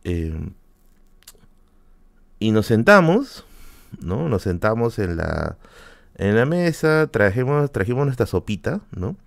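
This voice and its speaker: Young guy, lowish voice, super swingy pitch, chatty storytelling podcast, dry close mic. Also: slow, vocal fry, pauses often, dry recording. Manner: animated, jumps high when quoting people, repeats words, laughs often. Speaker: podcast host. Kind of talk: casual storytelling.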